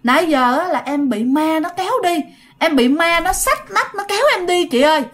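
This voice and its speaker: A woman's voice: very high-pitched, animated, normal speed, a bit bright, pitched above the performer's own voice. A woman voicing a terrified man dragged off by ghosts, screaming and panting.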